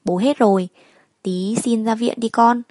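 A woman's voice: a little high, fairly even intonation, unhurried, mellow, no room sound. A woman voicing a frail, stubborn sick father who speaks in a weak, resigned way.

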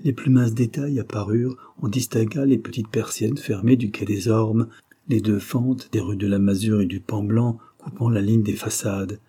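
A man narrating a classic French novel as an audiobook, in a measured, descriptive reading. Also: lowish voice, fairly even intonation, warm tone, husky. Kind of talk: scripted literary narration.

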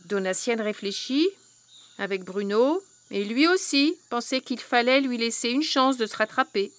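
Bright-voiced woman reading a fairy tale. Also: a little high, moderate pace. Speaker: storyteller. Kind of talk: storybook reading.

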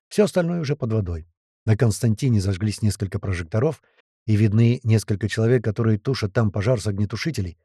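A man reading a first-person audiobook with tense, lively storytelling. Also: on the low side, slightly rough, dry recording, clean studio sound. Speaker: audiobook narrator.

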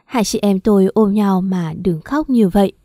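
A woman reads an audio story aloud in a steady, calm narration. Her voice is warm and mellow, at a middle pitch. The recording is dry with no room sound. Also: moderate pace, dry recording.

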